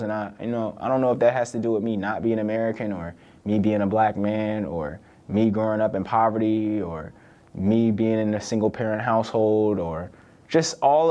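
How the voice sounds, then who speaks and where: A young male podcast host, born in the UK and raised in Virginia, gives a loose, conversational solo monologue peppered with "like" and "right?". His voice is lowish with a darkish tone.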